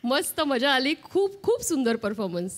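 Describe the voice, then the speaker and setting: High woman giving delighted feedback. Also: sing-song, normal speed. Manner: effusive, delighted.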